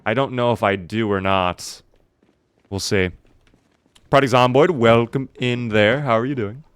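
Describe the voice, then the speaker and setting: A man with a clear, smooth voice at an ordinary male pitch streams a survival game. He talks casually to his viewers as he plays, with wry, mock-dramatic commentary. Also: a little slow, dry recording. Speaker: live streamer playing a survival video game.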